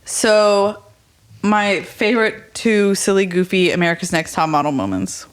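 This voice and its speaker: A woman's voice: medium pitch, measured pace, clean tone. Chatty young woman telling a story. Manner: animated storytelling, acting out quotes; frequent filler "like". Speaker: podcast co-host. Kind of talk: casual chat.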